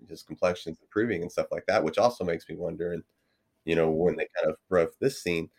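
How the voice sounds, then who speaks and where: Brief: low-pitched male podcast co-host, loose rambling delivery, heavy on "you know". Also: steady tone, fairly quick, vocal fry, darkish tone. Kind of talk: casual book discussion.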